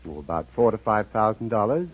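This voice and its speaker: On a dull old radio recording with faint noise, a quiz show contestant who works as an interior decorator answers questions. His lowish, sing-song voice moves fairly quickly, earnest but a bit hesitant.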